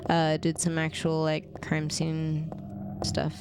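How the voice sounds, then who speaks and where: A woman's voice: sits low, completely flat delivery, slow, heavy background noise. A young adult woman streaming a game, rambling casually with wry asides to her viewers and to the character she is playing. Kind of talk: casual live gameplay commentary.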